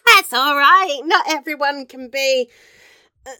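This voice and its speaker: A woman co-hosting a podcast, posh-sounding and high-voiced, chatty and giggly, swearing freely in casual chat. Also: unhurried, pushed and bright, no echo. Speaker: podcast co-host.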